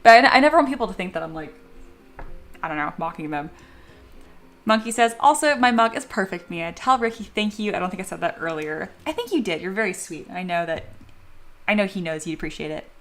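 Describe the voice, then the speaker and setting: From her home studio, a young adult woman sculpts while chatting casually on a live stream, reading viewer messages aloud and laughing often. Her medium-pitched voice is brisk and fairly bright, with lively intonation.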